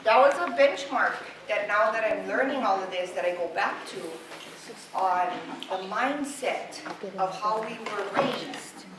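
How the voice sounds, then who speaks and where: A middle-aged Hawaiian woman with a local Hawaiian accent gives a talk in a university classroom, telling personal stories in an unhurried, medium-pitched voice. She's unapologetic and conversational, often tagging "right?" and "okay?", with a distant mic in a very echoey room and clear noise.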